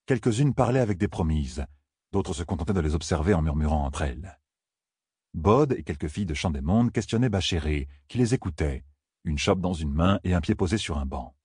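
A man narrating a fantasy novel as an audiobook, in a measured, even storytelling manner. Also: deep voice, breathy edge, dry recording, studio quality.

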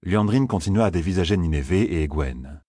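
A man's voice: sits low, animated, fairly quick, mellow, breathy edge, dry recording, studio quality. A man narrating a fantasy novel as an audiobook, reading expressively.

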